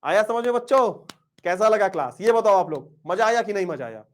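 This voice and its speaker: A male teacher giving an energetic online class and cheering his students on. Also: sits high, a little fast. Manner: energetic, rousing, mixes in English words.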